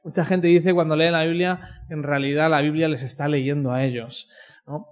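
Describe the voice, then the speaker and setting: A man's voice: fairly high pitch, fairly even intonation, moderate pace. A man from telling a personal faith story in a conversational way, often ending his sentences with a questioning "no?". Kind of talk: personal testimony talk.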